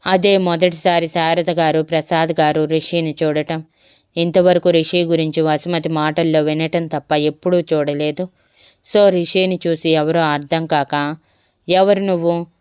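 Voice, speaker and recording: A woman storyteller reading a romantic story in a calm, even way. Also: low voice, a little slow, clean tone. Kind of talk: scripted story narration.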